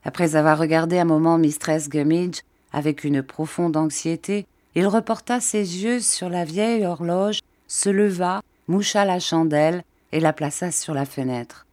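Woman reading a classic novel, kinda low voice, calm steady pace. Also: unhurried, no echo. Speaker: audiobook reader. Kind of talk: scripted narration of a classic novel.

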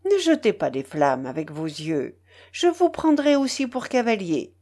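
A woman's voice: mid-range voice, very animated, measured pace, darkish tone. A woman voicing a haughty, teasing young princess in an audiobook, with a mocking, imperious manner. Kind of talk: audiobook character voice.

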